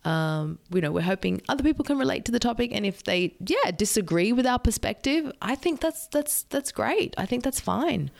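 A woman's voice: fairly high pitch, lively intonation, moderate pace, gravelly, few pauses. Congested woman podcast co-host. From Australia or Puerto Rico. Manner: agreeable, chatty, laughs often. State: congested, nasal from a cold. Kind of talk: casual chat.

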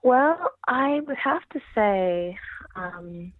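A woman's voice: fairly high pitch, very animated, very slow, no echo. A woman with a New York City accent who drops T's and word endings, chatting casually as an interview guest. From New York City, Lower East Side of Manhattan. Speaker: podcast guest, farm school director. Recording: thin phone-like radio line.

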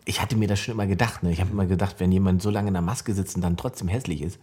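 A man's voice: low-pitched, fairly even intonation, very fast, a little mellow. A man co-hosting a podcast, chatting casually and rambling through ideas with many restarts. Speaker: podcast co-host. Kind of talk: casual chat.

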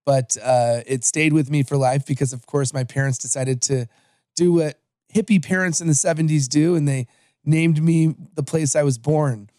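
A man in his forties from Los Angeles, USA, guests on a podcast and tells his career story in an upbeat, conversational interview, often restarting his sentences. His voice is slightly high, steady, mellow and at normal speed, captured in a dry, studio-quality recording.

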